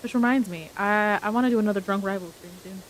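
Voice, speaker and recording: A woman livestreamer chatting casually as she plays, with a cute, bubbly, animated anime-streamer delivery. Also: mid-range voice, fast talker, rough recording. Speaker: streamer hosting a game livestream. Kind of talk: casual livestream chat while playing puzzle games. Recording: clear hiss of steady background noise.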